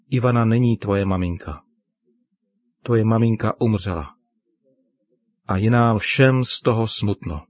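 A man voicing a patient, gentle father in a children's radio story, speaking in a calm, consoling way. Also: on the low side, dry recording, close to an everyday voice.

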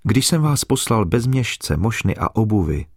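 A man reading the words of Jesus in a measured, solemn way during a scripture reading. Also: lowish voice, very animated, no echo, clean studio sound. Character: Jesus, a calm grown man teaching.

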